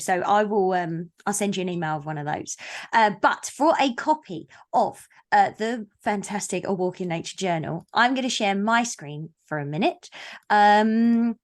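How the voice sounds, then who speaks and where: A woman hosting an online book launch over a video call, chatty and playful, teasing the audience and owning up to being a stickler for the rules. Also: lowish voice. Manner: self-described stickler for rules. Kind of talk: casual chat on a video call. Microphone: video call mic.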